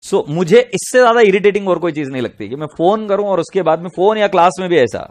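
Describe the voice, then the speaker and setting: A man's voice: high-pitched, lively intonation, fast. Scolding man teaching accounts. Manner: scolding, exasperated outbursts between problem explanations; addresses students as beta ji. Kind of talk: classroom lecture mixing Hindi and English.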